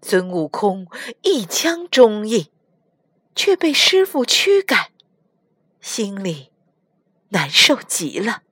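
A woman reading a children's storybook aloud in an expressive, sing-song way, as a storytelling mother. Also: medium pitch, slow pace, long pauses, husky, no room sound, clean studio sound.

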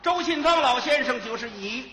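A man's voice: very high-pitched, animated, normal speed, sharp tone, a little hiss or hum. An older man performing crosstalk comedy on stage, lecturing like a know-it-all and breaking into opera singing. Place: stage before a live audience. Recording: echoey hall with long reverb.

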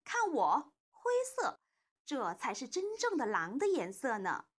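A boastful gray wolf crows and jeers in a loud, shrill, very high voice, as a woman reading a storybook puts him on. He is proud and mocking, and his voice swoops up and down. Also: huge pitch swings, measured pace, exaggerated voice.

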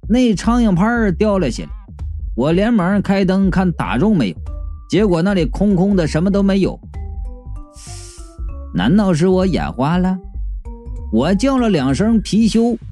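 Dude reading a funny web novel out loud, bouncy playful delivery, soft mellow tone, dry close sound. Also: male voice, high-pitched. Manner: lively, playful, acts out dialogue. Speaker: audiobook narrator. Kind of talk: comic first-person audiobook narration.

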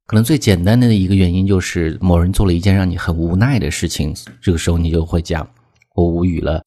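Deep, mellow-voiced male English teacher. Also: fairly even intonation. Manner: patient, repeats phrases slowly and clearly. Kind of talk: explaining vocabulary, reading example sentences.

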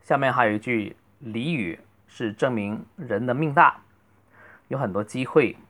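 A middle-aged man, a native Chinese speaker, teaching a beginner English lesson and slowly drawing out each model phrase. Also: mid-range voice, a bit bright. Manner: slow, drawn-out model phrases between quicker explanations.

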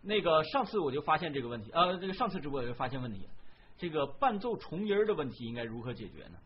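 Lively, playful man hosting a livestream. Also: on the high side, quick pace, a little hiss or hum. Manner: loud, laughing and playful. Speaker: livestream host. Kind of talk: casual livestream chat. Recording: dull lo-fi stream audio.

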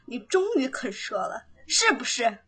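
A woman's voice: on the high side, sing-song, unhurried, pushed and bright, husky, heavily acted. A woman playing a cruel old female palace servant who taunts and bullies a prisoner. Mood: demanding. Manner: taunting, bullying. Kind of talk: period palace drama acting.

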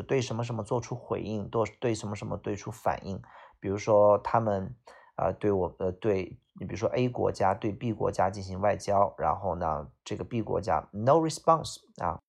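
A man teaches a vocabulary lesson. His voice is very low with a gravelly fry, and it sounds husky. He repeats each word and explains it patiently, with frequent "啊" fillers. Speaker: English teacher.

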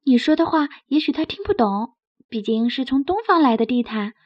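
A woman's voice: high-pitched, brisk, no echo. A woman voicing a cheerful, encouraging young chick in a children's story. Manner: encouraging, lively. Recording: dry, slightly dull recording.

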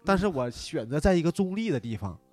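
A man telling a story in casual chat, animated and swearing, shouting out parts of the tale. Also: a little high, fast talker, no room sound, soft background music. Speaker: podcast guest.

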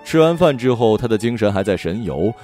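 Male audiobook narrator, low voice, lively delivery, faint music under him. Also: brisk. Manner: expressive, gentle storytelling. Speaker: storyteller.

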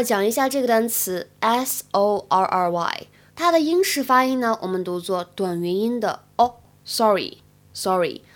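Female language teacher hosting a lesson; clear, patient explainer with a raised pitch. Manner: clear, patient explaining with slow model pronunciations. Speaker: English teacher.

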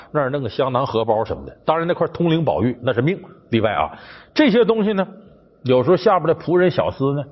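A man giving a colloquial, animated storytelling lecture on a classic novel, speaking straight to his listeners. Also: on the high side, slightly rough. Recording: dull, with background music.

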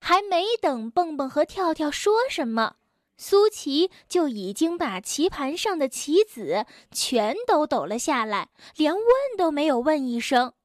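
A woman telling a story to children in a gentle, clear way, calling herself a big sister. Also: sits high, sing-song, measured pace, no room sound, clean studio sound.

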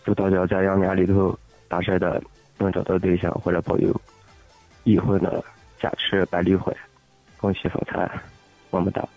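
A man with a low, very monotone voice gives a greeting in a Boshan, Shandong accent. The sound is slightly dull. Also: moderate pace, pauses often, faint music behind. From Shandong, China. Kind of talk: casual New Year greeting.

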